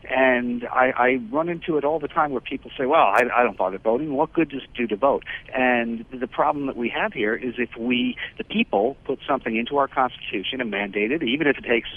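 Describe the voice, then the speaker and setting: A man co-hosting a radio news show, calling in over a landline phone and speaking haltingly with many filler pauses and restarts. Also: mid-range voice, expressive, creaky, dry recording. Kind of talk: talk radio news report. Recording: tinny landline phone line.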